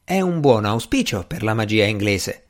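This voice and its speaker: Man reading as a cautious older gentleman. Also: fairly low pitch, very animated, moderate pace. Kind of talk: audiobook character reading.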